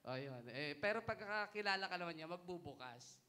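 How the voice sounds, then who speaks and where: A man's voice: sits high, lively intonation, a little fast, bright, forceful tone. A Filipino man preaching a sermon as pastor, switching between Tagalog and English and reading scripture aloud with emphasis. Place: church.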